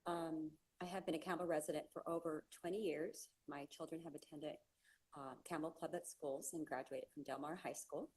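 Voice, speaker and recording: Woman, middle-aged, low voice, from California, first language Spanish, earnest halting public comment. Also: steady tone, darkish tone, rough recording. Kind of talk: public comment at a council meeting. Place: council chamber.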